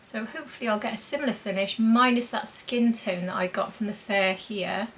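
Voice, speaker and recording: A woman's voice: medium pitch, fairly quick, fairly bright tone, slight background noise, rough recording. A woman demonstrating makeup in a chatty vlog, thinking aloud as she applies blush and powder. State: talking with a mint in her mouth. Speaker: beauty vlogger.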